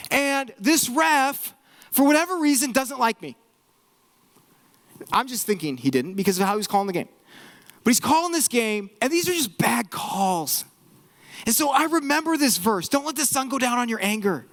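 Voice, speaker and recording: A man's voice: very high-pitched, normal speed. A young man preaching a sermon as pastor, talking casually and acting out quotes in different voices. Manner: animated, conversational, acts out quotes.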